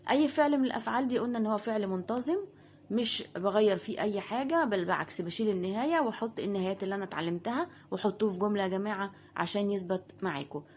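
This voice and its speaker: A woman's voice: medium pitch, a little hiss or hum. Egyptian woman teaching a language lesson. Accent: Egyptian Arabic. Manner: patient, repeats each word and meaning slowly. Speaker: Spanish teacher.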